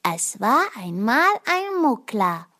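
A woman's voice: on the high side, very animated, takes it slowly, bright, forceful tone, exaggerated voice. Woman doing chattering boastful little creatures. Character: tiny boastful house creatures, cheerful know-it-alls. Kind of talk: storybook reading.

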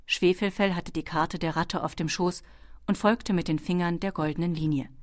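Low-ish woman reading a kids audiobook, calm, dry close sound. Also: normal speed, dry recording. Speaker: narrator. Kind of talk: audiobook narration.

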